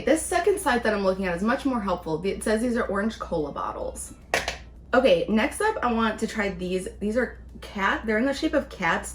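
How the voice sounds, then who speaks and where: A woman's voice: medium pitch, a little hiss or hum. A woman chatting casually as she reviews things in a taste-test vlog. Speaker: vlog host, candy reviewer.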